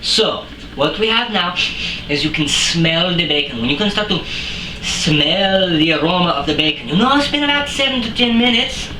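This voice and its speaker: A comedian plays a boastful, bumbling French chef hosting a comic home cooking demo, his put-on French accent drifting toward Australian or British. He rambles in broken English full of crude swearing, cocky, mid-range, at normal speed and close to an everyday voice. The roomy kitchen echoes, and steady noise runs underneath.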